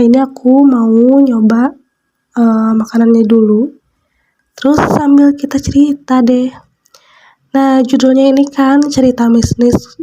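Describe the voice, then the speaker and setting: A high-pitched, nasal-voiced woman with a stuffy nose from a cold chats casually while eating on camera as a mukbang vlogger, reading a spooky story aloud. She speaks slowly and softly, often dropping "nah" between thoughts as she eats, and a close mic picks up the eating sounds.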